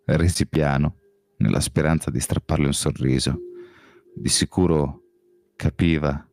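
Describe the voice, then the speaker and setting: A man reading a novel aloud as an audiobook, in first-person narration with a measured, calm delivery. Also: rumbling low, vocal fry. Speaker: audiobook reader.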